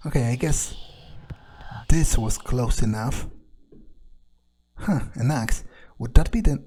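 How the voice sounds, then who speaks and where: A let's player voices a cynical, sardonic male vampire with a foul mouth, muttering his thoughts in a hesitant, dryly sarcastic, sweary way as he comments on the game. His voice is mid-range and mellow with a breathy edge.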